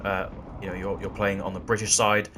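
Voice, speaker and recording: Low, flat-voiced man explaining gameplay. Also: a little fast, noisy background. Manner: explanatory, repeats "again" often. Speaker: gaming channel host. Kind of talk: gameplay tutorial commentary.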